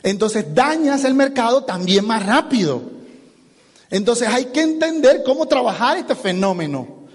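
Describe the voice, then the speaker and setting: A man giving an animated motivational business seminar talk, acting out little dialogues as he goes. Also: very high voice, unhurried, big-room sound. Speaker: business speaker.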